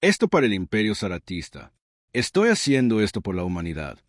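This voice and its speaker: A war-weary human soldier speaks steadily and with firm resolve, as a man narrating the story voices him. The voice is fairly low yet lively in pitch. The recording is dry and close. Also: brisk, dry recording. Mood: resolute. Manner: steady and determined.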